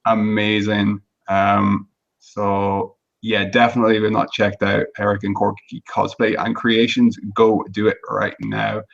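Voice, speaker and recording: A male host asking a guest relaxed questions, with many fillers. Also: lowish voice, a little slow, creaky. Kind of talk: casual interview chat. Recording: distant, dull lo-fi sound.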